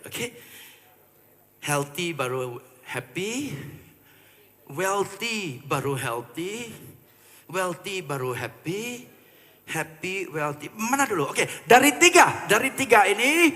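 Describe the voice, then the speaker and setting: A man gives a live motivational talk in a large hall, his bright, ringing voice swinging widely up and down as he teases the audience. His words carry a long reverb tail from the room. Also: fairly high pitch. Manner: animated, mixing English into Indonesian, playful audience teasing. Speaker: motivational speaker.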